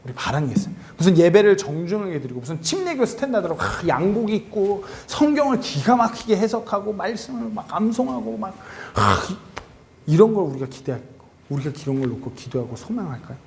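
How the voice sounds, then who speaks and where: Guy preaching to youth group, high voice, swings all over the place. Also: brisk. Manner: animated, acts out quoted dialogue. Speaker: youth pastor. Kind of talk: sermon.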